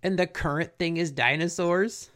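A man's voice: fairly high pitch, moderate pace, fairly bright tone. A man co-hosting a casual podcast, recapping a cartoon in laid-back, slangy talk. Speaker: podcast co-host.

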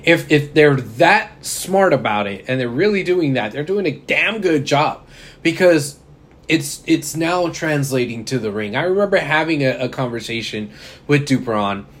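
A man talking loosely about wrestling in a casual podcast chat. His voice sits a little high, and he rambles, restarts his sentences and laughs often. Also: lively intonation, moderate pace. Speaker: podcast co-host.

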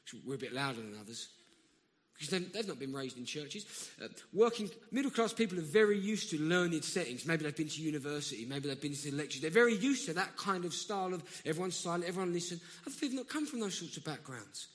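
A man from South London preaches a sermon in a conversational style, often restarting himself and breaking into emphatic bursts. His voice sits a little high, with lively intonation and a fast pace. The recording, made in a church hall, carries long church reverb.

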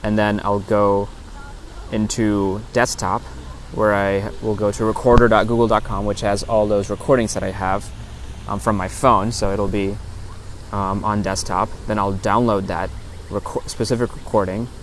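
A man with a fairly low voice talks casually as a solo podcast host. He explains things step by step, rambling a little and correcting himself. It is recorded on a lapel mic out in an open park field, with clear outdoor noise behind him. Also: little pitch movement, normal speed. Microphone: lapel lavalier into a phone.

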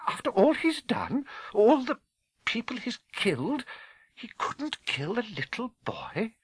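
A man puts on a stern older witch for a storybook, pitched high and swooping widely. She is a prim professor, anxious and exasperated, faltering as she stresses her words. The sound is dry and close. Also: big pitch swings, takes it slowly, husky, dry recording, exaggerated voice. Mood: stunned.

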